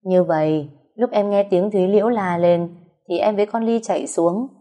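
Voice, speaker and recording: A woman doing a calm, measured older matriarch. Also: medium pitch, lightly acted. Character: calm older mother-in-law, measured and fair.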